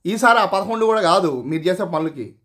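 A man's voice: sits high, animated, brisk, fairly bright tone. A man giving casual, sarcastic political commentary, full of mocking rhetorical questions and repeated phrases. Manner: addresses listeners directly, repeats phrases.

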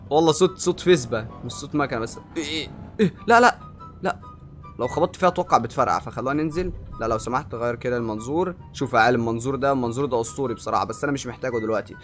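Excitable fast-talking Egyptian gamer man. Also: a little high. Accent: Egyptian Arabic. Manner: excitable, often shouting and drawling in amazement. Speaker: gaming YouTuber. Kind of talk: excitable gameplay commentary.

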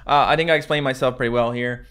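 Speaking fast in a mid-range, slightly bright and clean voice with a steady tone, this twentysomething gaming YouTuber from Newfoundland, Canada, vlogs casually to camera. He sounds hesitant and pokes fun at himself, and his Newfoundland accent is clear. He records indoors in a small home room fitted with acoustic foam.

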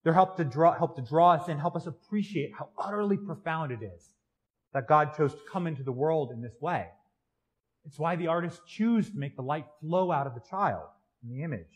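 A male priest delivers a sermon in a church. His voice sits on the higher side, and he talks in an easy, conversational way, often tagging lines with "right?". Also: lively intonation, brisk, poor audio.

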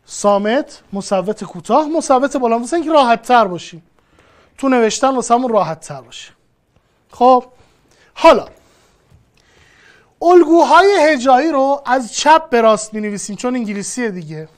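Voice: medium pitch, lively intonation, long pauses. Teacher going over a lesson step by step, repeats stuff, talks right to the student. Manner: explanatory, repeats and addresses the student directly. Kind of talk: classroom lesson.

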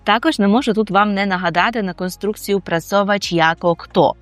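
A woman with a Ukrainian accent teaching Polish phrases, slowly repeating each model phrase. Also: medium pitch, no room sound, faint music behind. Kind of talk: explaining Polish phrases with examples.

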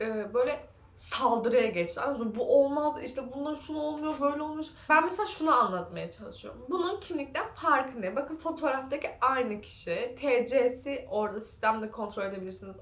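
A young woman vlogging casually, retelling her day in a chatty, animated way and laughing often. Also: sits high, roomy sound. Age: young adult. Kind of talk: casual vlog storytelling.

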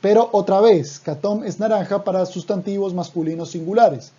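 A man's voice: sits high, moderate pace, mellow, breathy edge. A man teaching a language lesson, patiently repeating words for the learner to drill. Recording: dull lo-fi audio.

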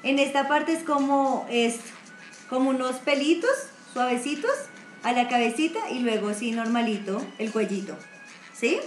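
High-voiced Colombian woman teaching painting. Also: moderate pace, reverberant, faint music behind. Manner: chatty, encouraging, uses many diminutives. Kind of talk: live online watercolor class. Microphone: computer mic on a video stream.

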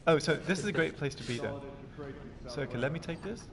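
A student radio host chats casually while playing a video game, sounding flustered, self-deprecating, and occasionally swearing. His voice is on the high side, animated, and quick, with a crowd audible plus loud game noise and gunfire behind him.

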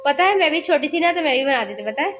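A woman's voice: high voice, animated, quick pace, loud music behind the voice, rough recording. A young woman vlogger chatting casually as she walks around her housing society, outdoors. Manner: chatty, narrating while walking around. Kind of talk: casual vlog chat. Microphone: wireless mic or phone.

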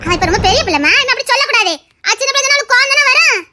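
Bossy Tirunelveli village aunt, very high and bright, fast-talking, scolding, played by a woman. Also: animated, music in the background. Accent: Tirunelveli Tamil. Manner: scolding, insistent. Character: fussy, bossy middle-aged village aunt.

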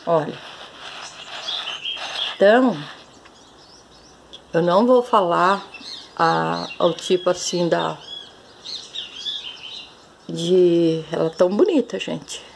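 A woman's voice: lowish voice, slow, gravelly, pauses often, noisy background. A woman vlogging casually as she shows her plants, chatty and affectionate, often calling out to her viewers. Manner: chatty, keeps addressing viewers as "gente", fond exclamations. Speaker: orchid-growing vlogger. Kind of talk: casual show-and-tell vlog.

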